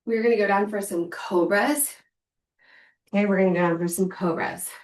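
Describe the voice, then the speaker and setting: Counting reps and offering short, upbeat cues, a woman instructs a casual exercise class. Her medium-pitched voice moves at a normal speed with fairly even intonation, heard from a distant microphone in a reverberant room.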